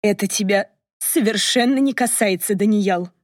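A woman's voice: mid-range voice, normal speed, dry recording, studio quality, natural voice. A woman reading a hurt, tearful young woman. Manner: quiet, tearful murmur. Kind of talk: audiobook narration.

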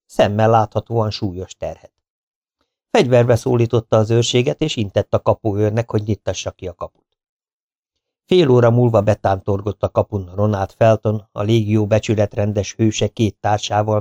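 A man reading an adventure novel aloud as an audiobook narrator, steady and even. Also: on the low side, no room sound, studio quality. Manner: steady storytelling read-out. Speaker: audiobook reader.

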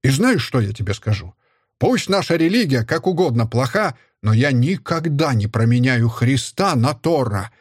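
Guy doing an angry bitter dad, yelling and sneering, kinda husky, dry sound. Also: medium pitch, sing-song, normal speed, no room sound. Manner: shouting, bitter and scornful. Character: furious stern middle-aged father, a historian.

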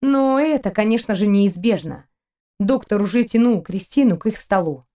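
A woman reading a science fiction novel aloud in an even storytelling manner. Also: medium pitch, moderate pace. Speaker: audiobook narrator. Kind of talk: scripted narration.

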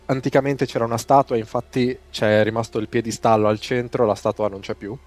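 A man narrating as game master in a tabletop role-playing session, explaining rules and scenes in a relaxed way. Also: medium pitch, a little fast.

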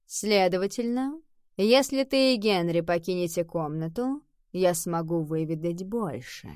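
A woman's voice: fairly low pitch, no echo, lightly acted. A laid-back tomcat teacher drawls his words at a lazy crawl, as a woman reads him in a storybook. He sounds unbothered by anything around him, and the voice is dry and close. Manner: relaxed, slow and drawling. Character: unhurried male cat, a visiting teacher.

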